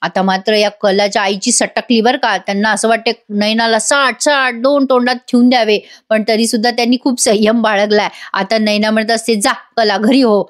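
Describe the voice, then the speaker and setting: A woman's voice: fairly high pitch, steady tone, moderate pace, hardly any pauses. A woman narrating a TV drama recap, chatty and opinionated, speaking directly to her viewers. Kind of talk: storytelling recap addressed to viewers.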